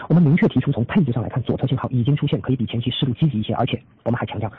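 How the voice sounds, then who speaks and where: A man's voice: medium pitch, breathy edge. A man formally presenting prepared market analysis as the host of an investor conference call. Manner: formal, with frequent trailing "a" particles. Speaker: chief strategist hosting an investor call. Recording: tinny phone-line conference audio.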